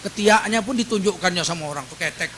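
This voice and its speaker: Bright, high-pitched male preacher. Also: fast, slight background noise, low-quality recording. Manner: animated storytelling with acted quotes and sound effects. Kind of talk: mosque sermon with storytelling. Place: mosque.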